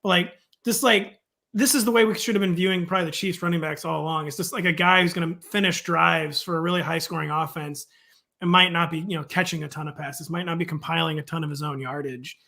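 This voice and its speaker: A man's voice: fairly high pitch, fairly even intonation, quick pace, creaky, sharp tone. A man from the St. Louis suburbs talking fantasy football in a casual chat, full of "like" fillers.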